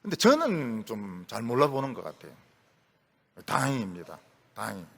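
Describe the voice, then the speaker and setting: Korean pastor preaching with wide swings. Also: male voice, lowish voice, wildly swooping pitch, normal speed, vocal fry, fairly bright tone, husky. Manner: storytelling with acted quotes and humor, voice rising and dropping sharply. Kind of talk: sermon.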